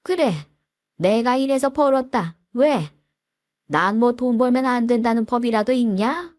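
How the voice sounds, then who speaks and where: A woman's voice: fairly high pitch, a little slow, a little mellow, no echo, clean studio sound, voice pushed up, lightly acted. A woman voicing a blustering older father-in-law who stammers through indignant denials.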